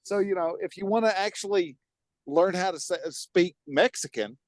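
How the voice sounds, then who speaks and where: Animated man, higher voice, dry sound. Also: normal speed, no room sound. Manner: animated, laughs often, jumps between topics. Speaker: podcast co-host. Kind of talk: casual chat.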